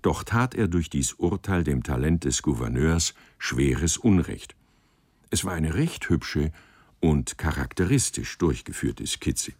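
A man reading a literary story aloud in a measured, expressive manner. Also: very deep voice, breathy edge, no echo. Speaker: narrator. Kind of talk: audiobook narration of a literary story.

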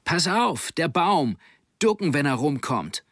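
A man voicing a determined teenage boy who shouts urgent orders while sailing in a storm. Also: medium pitch, a little slow, gravelly, slightly rough, dry recording, clean studio sound, full character voice. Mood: urgent, shouting.

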